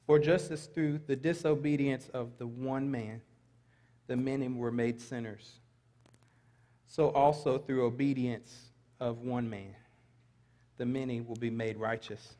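A man's voice: medium pitch, fairly even intonation, measured pace, warm tone. Pastor guy preaching on a big church stage, earnest with little asides, voice rings out in the hall. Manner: earnest preaching, reads scripture aloud, light asides. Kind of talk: sermon. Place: large church sanctuary stage. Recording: long reverb of a large hall.

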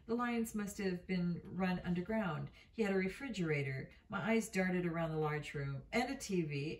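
A woman reading a novel aloud in an unpolished way, with slips and self-corrections. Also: lowish voice. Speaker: reader. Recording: roomy, mic at a distance.

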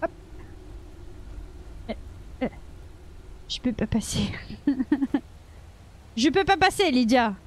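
A woman streamer gives loose, playful commentary as she plays, bantering with the game characters and swearing freely. Her voice sits high, and she talks at a slow, drawn-out pace. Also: very animated. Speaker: gaming streamer. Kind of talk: casual let's-play commentary.

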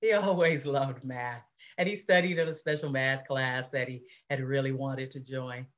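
A woman reading the part of an anxious mother recounting wartime, in an earnest, measured dramatic reading over a video call. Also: a bass voice, steady tone. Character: anxious middle-aged mother recounting war. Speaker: reader in a play reading.

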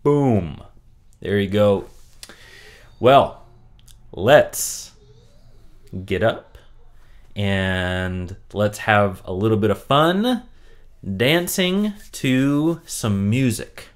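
A man's voice: fairly low pitch, expressive, very slow, pauses often, smooth. A man teaching an online Bible lesson for children, telling the story expressively and asking rhetorical questions.

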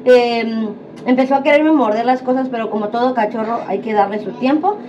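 Crowd noise sits behind this woman's slightly high, fairly quick voice as she chats to camera in her home vlog, addressing viewers as friends. The recording sounds dull and lo-fi, and the background noise is clear.

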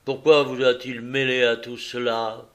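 A brusque, touchy middle-aged foreign visitor, as a male narrator puts him on. He talks loud, raised and pushy, with a hint of suspicion, unhurried in a storybook reading. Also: medium pitch, natural voice. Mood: insistent. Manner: loud, insistent, slightly suspicious.

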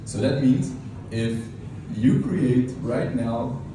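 A man in his thirties speaking at a conference in an informal technical lightning talk, with hesitant, halting delivery and repeated words. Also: medium pitch. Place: medium conference room, indoors. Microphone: handheld mic through PA, picked up by a distant camera. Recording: roomy, distant, noisy room recording.

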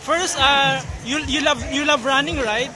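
Very high-voiced male interviewer outdoors. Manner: halting, rewords his questions. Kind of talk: informal on-site interview. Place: outdoors at a busy race event. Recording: crowd and music outdoors. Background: crowd and music.

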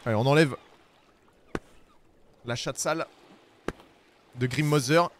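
A man streaming a video game, chatting casually with viewers and swearing, with bursts of shouting at the animals in the game. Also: medium pitch, slow pace, a little hiss or hum. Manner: talks to his chat viewers. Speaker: streamer playing a climbing game. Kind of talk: casual gameplay commentary.

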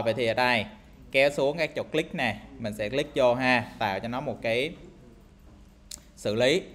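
A man talks students through a coding tutorial in a screen recording. He thinks aloud in a loose, casual way, peppering his steps with fillers and little tag questions. His voice sits at an ordinary middle pitch. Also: fairly bright tone. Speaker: programming instructor.

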